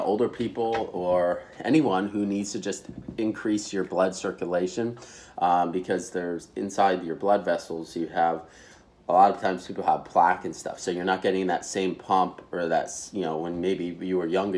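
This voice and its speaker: A man in his thirties casually explaining supplements to a webcam in a small home office, chatty and animated with lots of fillers. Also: low voice, slight background noise. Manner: animated, gestures a lot, loose and chatty with many fillers. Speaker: health vlogger.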